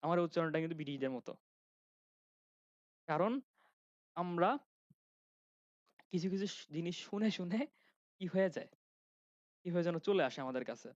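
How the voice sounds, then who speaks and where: With a slightly high voice at normal speed, a young man teaching grammar pauses often during his relaxed, talkative lecture. He speaks with a Khulna Bangla accent, questions the class and restarts his sentences. There's no room sound, and the recording comes across dry and a little dull.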